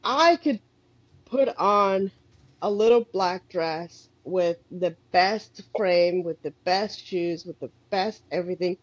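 Brief: woman co-host, husky, stuffed-up, slow talker, dull dry lo-fi recording. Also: on the low side, no echo. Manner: animated, expressive, drawn-out affirmations. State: stuffy with allergies. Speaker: podcast co-host, eyewear professional. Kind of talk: casual chat.

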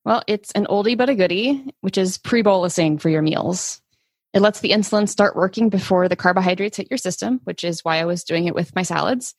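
A woman's voice: medium pitch, fairly quick, no room sound. A woman hosting a podcast, presenting in a conversational way. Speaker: podcast host.

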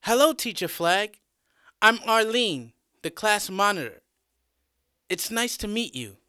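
A man voicing a polite twenty-year-old woman who is class monitor, in a high, eager voice for a spoken story. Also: big pitch swings, unhurried, bright, forceful tone, clear, resonant tone, no echo, clean studio sound, exaggerated voice. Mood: friendly.

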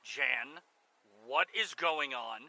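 A man's voice: mid-range voice, drawn-out words, sharp tone, exaggerated voice. A man playing a bewildered, betrayed police detective in an audio drama, questioning insistently. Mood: hurt, bewildered.

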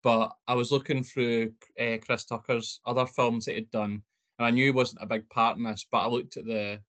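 A man's voice: medium pitch, a bit bright. A man co-hosting a podcast, rambling and hesitant, with frequent laughs. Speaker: podcast co-host. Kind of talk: casual chat.

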